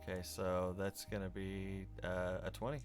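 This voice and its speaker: Man, game player, fairly low voice, hesitant, self-correcting. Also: flat delivery, moderate pace, soft background music. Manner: hesitant, corrects himself mid-sentence. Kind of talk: casual tabletop play.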